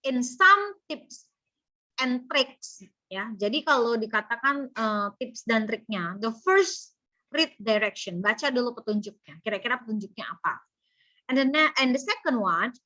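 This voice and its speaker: A woman's voice: on the high side, sharp tone. A woman English teacher with an Indonesian accent, giving an online class lecture and repeating each point in two languages. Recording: dull lo-fi audio.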